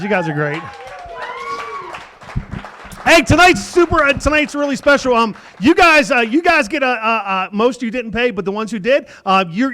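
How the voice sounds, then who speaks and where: High-voiced rambling stand-up host. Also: male voice, pushed and bright. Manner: rambling, loose audience banter. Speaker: host comedian. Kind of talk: stand-up comedy. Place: comedy club stage.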